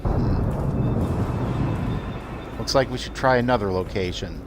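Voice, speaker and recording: A man's voice: lowish voice, measured pace. A man giving casual let's play commentary, musing aloud as he plays. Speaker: video game player and commentator. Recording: game noise behind the voice. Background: video game sound.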